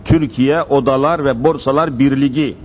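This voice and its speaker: A man's voice: medium pitch, steady tone, normal speed, a little mellow, husky, muffled recording. A man preaching a sermon into a pulpit microphone, emphatic and insistent, firing rhetorical questions and repeating his phrases. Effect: speaking into a pulpit microphone.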